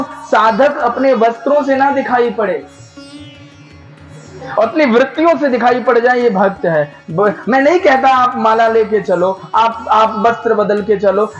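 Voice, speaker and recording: A man preaching a devotional sermon, telling a sacred story and urging the audience with animated questions. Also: very high voice, dull audio. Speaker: katha preacher.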